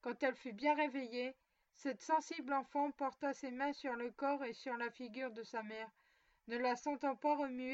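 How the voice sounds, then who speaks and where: Narrator: a high-voiced woman reading a children's story, measured and expressive, on a dull, muffled recording. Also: no room sound.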